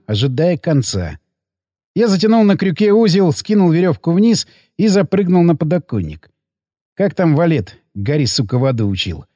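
A man narrating an audiobook in a gruff, coarse first-person voice. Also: a little high, mellow, no room sound, clean studio sound.

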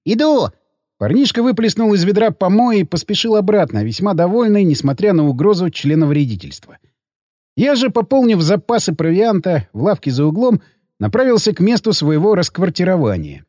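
A man narrating an audiobook in an expressive, ironic storytelling manner. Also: sits high, brisk, dry recording, clean studio sound.

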